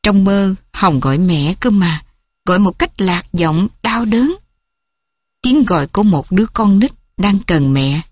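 A woman narrating a story in a soft, measured and dramatic reading. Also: medium pitch, animated, dry recording, clean studio sound.

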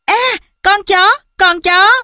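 A woman doing an excited little boy. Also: very high voice, slow, no room sound, clean studio sound, voice pushed up, heavily acted. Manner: eager, shouting.

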